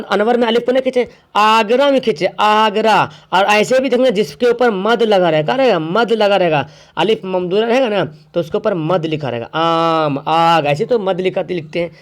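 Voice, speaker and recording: A man with a noticeably high voice teaches an exam grammar lesson. He keeps quizzing his listeners and repeats each example word, stretching some out slowly to show how they should sound. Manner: drags out words slowly to show pronunciation.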